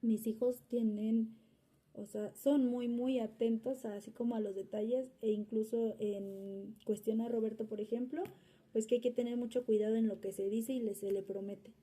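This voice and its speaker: A woman's voice: on the high side, steady tone, moderate pace, mellow, slightly rough. A woman, a mother answering interview questions in a rambling, casual way with many fillers and restarts. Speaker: mother of interviewee's subject child.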